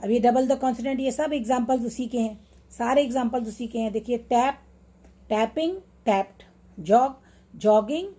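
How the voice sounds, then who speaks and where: Woman teaching spelling rules, mellow. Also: on the high side. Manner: mixes Hindi and English, repeats example words slowly. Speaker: English teacher. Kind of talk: explaining phonics rules with examples.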